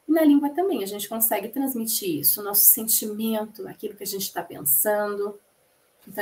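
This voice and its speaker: A woman's voice: on the high side, a little mellow. Woman explaining a lesson to a class. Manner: explanatory, addresses the class with rhetorical questions. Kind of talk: spoken lecture rendering.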